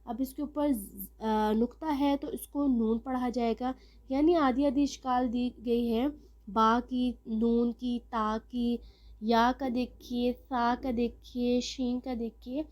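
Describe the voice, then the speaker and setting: A woman teaching a recorded lesson on reading Arabic letters as an online Quran teacher. She explains step by step and stretches letter names out slowly and loudly. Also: fairly high pitch, fairly even intonation.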